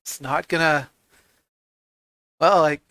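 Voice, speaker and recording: Man acting out a gruff, impatient police constable. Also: fairly high pitch, steady tone, slow pace, bright, forceful tone, no room sound, studio quality, exaggerated voice. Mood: impatient, barking.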